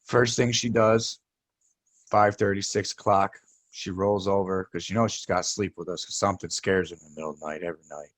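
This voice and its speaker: A man with a lowish voice talks in a rambling, laid-back stoner manner. He sounds like a casual podcast co-host who swears freely. The sound is dry, with little room around it. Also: fairly even intonation, fairly quick, dry recording. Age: adult, parent of young child. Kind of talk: casual podcast banter and storytelling.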